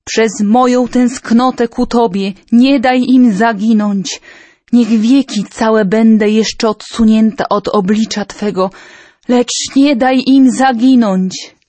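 A woman's voice: on the high side, fairly even intonation, slow, mellow, dry recording. A woman voicing an old, devout duchess in a nun's habit, praying fervently. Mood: imploring. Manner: fervent, imploring prayer.

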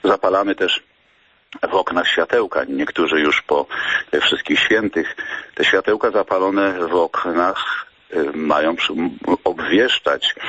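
Low-voiced priest type doing a slow thoughtful radio talk, lots of ums, dry muffled sound. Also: male voice, sharp tone, no echo. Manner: measured, halting with frequent pauses and fillers.

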